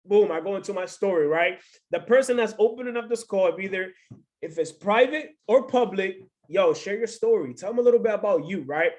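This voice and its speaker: A man from the United States giving an energetic motivational business training over a video call, constantly checking in with the listeners. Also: high voice, brisk. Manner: hyped, energetic, peppers talk with "right?".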